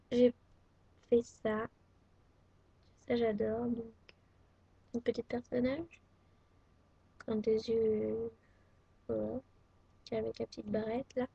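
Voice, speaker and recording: Teen girl craft vlogger from France, chatty and halting, soft lo-fi webcam recording. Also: a little high, vocal fry, breathy edge, no echo. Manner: chatty and hesitant, many fillers. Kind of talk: casual show-and-tell. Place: at home, indoors. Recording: dull lo-fi webcam audio. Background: faint vacuum cleaner.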